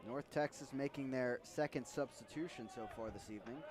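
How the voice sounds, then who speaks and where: A man's voice: medium pitch, fairly quick. A man doing live play-by-play soccer commentary as an announcer. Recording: outdoor stadium noise behind. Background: outdoor stadium ambience.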